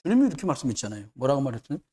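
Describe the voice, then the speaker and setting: A man's voice: medium pitch, very animated, rapid-fire, warm tone, husky. A man preaching a sermon as pastor, emphatic and repetitive, with joking asides.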